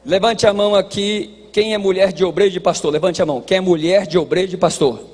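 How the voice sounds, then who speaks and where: A man with a Brazilian accent delivers a sermon in a large church, his high voice carrying a husky edge. He teases the congregation with homely jokes, then rises into shouted exhortation. The long hall reverb rings behind every phrase. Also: fairly quick. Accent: Brazilian Portuguese. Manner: folksy, joking, shifts between quiet asides and shouted exhortation. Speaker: pastor.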